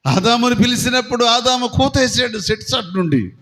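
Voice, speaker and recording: A man's voice: very high-pitched, a bit bright. A man preaching a sermon to a congregation. He asks them questions and acts out voices from the story. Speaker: pastor. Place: prayer hall. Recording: long hall reverb.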